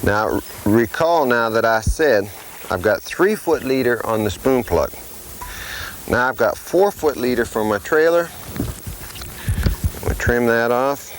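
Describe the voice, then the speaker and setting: A man's voice: mid-range voice, animated, slow, pauses often, a little hiss or hum, poor audio. An older man, a fishing instructor, explains step by step in a plain hands-on tutorial while he ties rigs.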